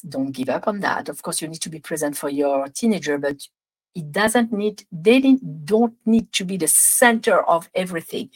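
A woman with a French accent hosting an advice podcast, talking gently with restarts, then guiding a slow breathing exercise. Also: deep voice, rough recording. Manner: gentle, warm, meandering with restarts. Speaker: podcast host. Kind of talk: casual advice podcast with guided visualization.

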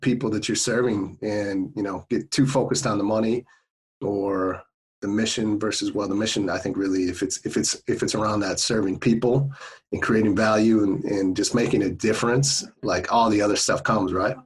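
Male podcast host, husky and low, laid-back, full of fillers. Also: fairly even intonation, moderate pace. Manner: friendly, many fillers like "you know" and "like". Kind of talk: casual interview chat.

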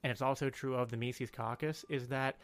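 A man's voice: medium pitch, steady tone, brisk. A man talking through a point in a casual podcast chat. He rambles, restarts his sentences, and leans on filler words as he goes. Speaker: podcast guest. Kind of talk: casual political discussion.

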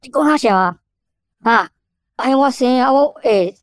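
A man's voice: sits high, animated, a little fast, dry recording, pitched above the performer's own voice. Man doing a brash Taiwanese laborer. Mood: defiant. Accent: Taiwanese Hokkien. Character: coarse defiant middle-aged laborer father.

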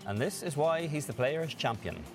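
A man giving golf commentary and analysis as a co-commentator, in a measured, analytical way. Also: on the high side, lively intonation, over music.

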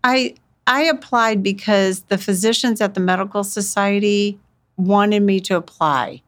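A woman from talks as a guest on a podcast. Her voice sits at a middle pitch. She tells stories in an animated, folksy way and slips into quoting other people. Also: unhurried. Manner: folksy, expressive, uses quoted dialogue. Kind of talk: animated conversational storytelling.

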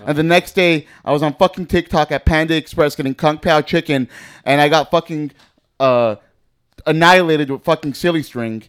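A man's voice: on the high side, normal speed, a bit bright, clear, resonant tone. A man from Hollywood with a lisp, a talk show guest who rambles, mumbles and swears constantly. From Hollywood, USA. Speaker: influencer guest.

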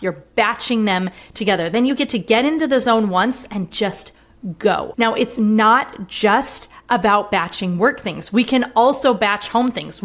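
A woman's voice: on the high side, fairly bright tone. A woman podcast host with an upbeat, encouraging manner, explaining practical advice in a tidy, orderly way.

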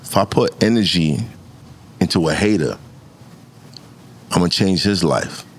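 A man's voice: low-pitched, lively intonation, a little slow, husky. An American man in a casual podcast conversation, speaking emphatically and repeating short phrases to drive his point home.

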